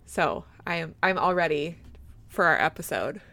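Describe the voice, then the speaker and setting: A woman's voice: low voice, lively intonation, normal speed, bright, forceful tone, no room sound. A woman co-hosting a podcast in a casual, chatty style, recorded at home in a basement. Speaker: podcast co-host.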